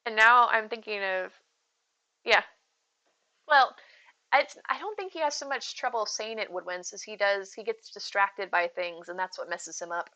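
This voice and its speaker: Speaking at a normal pace in a bright, forceful medium-pitched voice, this woman rambles through a casual live stream. She giggles often, addresses people in chat by name, and still comes across as soothing.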